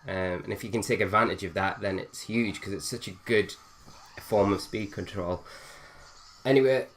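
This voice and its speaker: A young man with a lowish, slightly nasal voice from a cold hosts a gaming video, chatting casually through his own play and using fillers as he thinks aloud. His tone is steady and his speed normal, with slight background noise.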